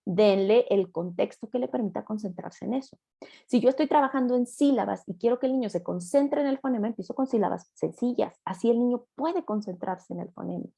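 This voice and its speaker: Gravelly-voiced woman teaching therapists. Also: mid-range voice, warm tone. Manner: explanatory, acts out imagined dialogue with listeners. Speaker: speech therapist. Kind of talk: online master class lecture.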